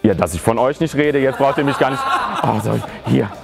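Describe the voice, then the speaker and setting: A man's voice: medium pitch, expressive, fairly quick, creaky. A man performing as a drag queen, delivering a catty comedic roast of fellow contestants with mocking, giggly jabs. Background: loud music.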